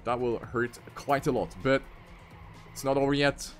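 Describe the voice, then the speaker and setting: Over faint music, an esports caster with a mid-range voice and moderate pace gives live play-by-play of an online racing tournament. He's excitable, and his voice shoots up sharply on crashes and mistakes.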